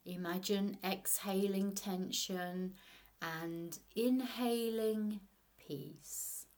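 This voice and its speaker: Slow, hushed woman guiding a meditation. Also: mid-range voice, fairly even intonation. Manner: slow, hushed, unhurried, with long pauses. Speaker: meditation guide. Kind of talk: guided meditation narration, soothing like a sleep story narrator.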